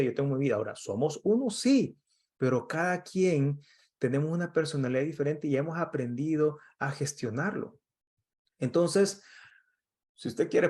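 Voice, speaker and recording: A middle-aged Salvadoran man speaks as an emotional intelligence coach, giving a sincere, conversational motivational talk and acting out quoted dialogue. His voice sits on the high side and sounds a little mellow.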